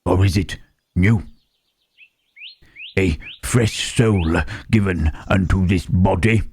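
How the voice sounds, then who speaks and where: A man voicing a gentle, melancholy monster in an ASMR roleplay, speaking haltingly and pensively in formal phrases with questioning hums. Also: heavily acted. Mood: musing, puzzled. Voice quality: low, husky. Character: gentle, melancholy Frankenstein's monster, male, pondering his soul.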